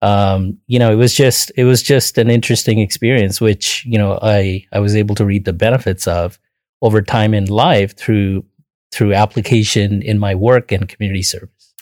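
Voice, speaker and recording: A man from Bangladesh answering interview questions in a measured, earnest way with frequent pauses and fillers. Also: fairly low pitch, steady tone, darkish tone, dry recording, studio quality. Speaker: interview guest.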